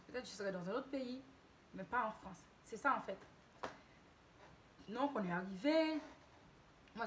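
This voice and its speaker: A woman from Haiti shares a casual story-time tale with her viewers in a mid-pitched voice. She talks hesitantly, often restarting words and correcting herself. A faint hiss runs under the recording. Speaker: YouTuber telling a story.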